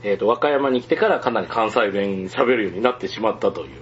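A man's voice: lowish voice, animated, a little fast, dull audio, slight background noise. A man chatting casually on the radio, rambling with many fillers and frequent chuckles. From Hyogo, Japan.

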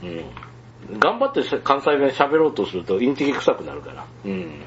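Lively, rambling man. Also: medium pitch, fairly quick, muffled recording, a little hiss or hum. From Hyogo, Japan. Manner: rambling, many fillers, chuckles often. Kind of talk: casual radio chat.

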